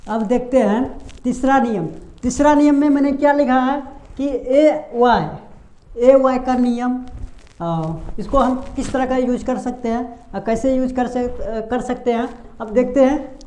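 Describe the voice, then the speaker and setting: Woman teacher, kinda high voice but soft and warm, explains slow w lots of "aa" pauses. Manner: patient, step-by-step, asks rhetorical questions, drawn-out "aa" fillers. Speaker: English pronunciation teacher. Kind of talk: blackboard-style lesson explanation.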